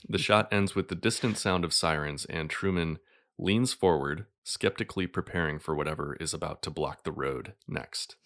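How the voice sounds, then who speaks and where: Deep-voiced man, eager film chat. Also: moderate pace, a bit bright. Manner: enthusiastic, leans on "like". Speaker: podcast co-host. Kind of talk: casual film breakdown chat.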